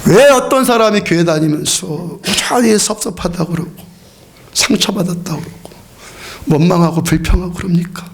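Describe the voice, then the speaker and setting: A man preaching a sermon as pastor, leading the congregation in repeated responses and moving between hushed, whispered lines and loud, fervent preaching. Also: sits high, moderate pace.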